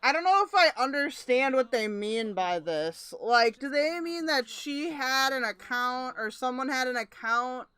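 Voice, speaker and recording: A woman's voice: high-pitched, lively intonation, measured pace, few pauses, bright, forceful tone, clean tone. A woman streamer giving casual live commentary and reading chat comments aloud. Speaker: streamer reacting to a recording.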